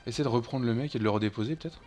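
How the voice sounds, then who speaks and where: A man's voice: mid-range voice, racing, darkish tone, soft background music. A man streaming a co-op game, chatting casually and swearing when things go wrong. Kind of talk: casual gaming chat.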